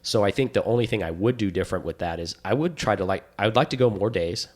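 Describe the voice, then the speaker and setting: Here a man with a fairly low pitch talks fast while co-hosting a podcast. The conversation is casual, and he rambles excitedly through animated anecdotes.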